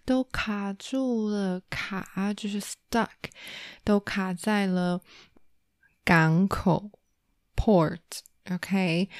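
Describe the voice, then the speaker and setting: A woman's voice: on the low side, a little mellow, no echo, studio quality. A woman from Taiwan, a native Mandarin speaker with a Taiwanese accent, hosting a casual bilingual language lesson and repeating key words as she explains. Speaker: Mandarin teacher and host.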